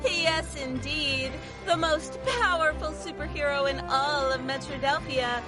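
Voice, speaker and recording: A woman's voice: high-pitched, unhurried, over music. A woman voicing a melodramatic on-scene news reporter, narrating the action as it happens. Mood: dramatic. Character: breathless female news reporter.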